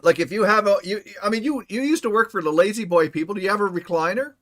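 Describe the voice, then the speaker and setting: A man's voice: sits high, quick pace, fairly bright tone. A man streaming a game from home, chatting casually and playfully with his viewers and inventing silly words. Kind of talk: casual live stream chat.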